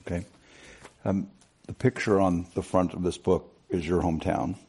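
Casual: deep mellow guy interviewing, slow careful questions, kinda husky. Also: fairly even intonation. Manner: deliberate questions with restarts.

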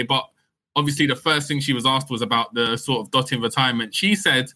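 A man co-hosting a casual cricket podcast, talking in a measured, explanatory way. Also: a little high, sharp tone. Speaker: podcast co-host.

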